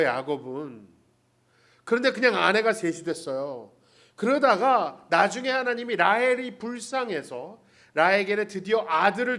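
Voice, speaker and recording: Lively high-voiced man preaching. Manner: animated storytelling, acting out the characters' quoted lines; humorous, addressing the congregation directly. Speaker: pastor. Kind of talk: sermon. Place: church sanctuary.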